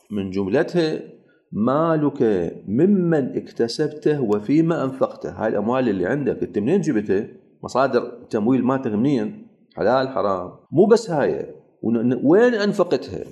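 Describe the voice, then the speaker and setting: A man's voice: mid-range voice, dark tone. A man with an Iraqi Arabic accent, teaching a lecture that explains a legal text through everyday examples and rhetorical questions. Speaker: religious teacher.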